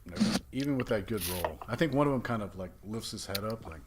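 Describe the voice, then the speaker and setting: Game master, man, deep and lively, relaxed delivery with chuckles. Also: a little fast, very noisy. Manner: laid-back, chuckling, thinking aloud. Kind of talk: narrating a tabletop game.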